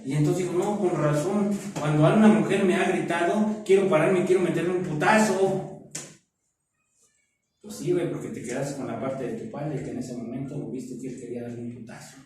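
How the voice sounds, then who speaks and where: A middle-aged Mexican man sharing his testimony at a support group meeting, speaking roughly and with profanity, punctuating nearly every phrase with "¿no?" and "¿verdad?". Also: fairly high pitch, steady tone, brisk, few pauses, warm tone, a little hiss or hum. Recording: echoey room, far from the mic.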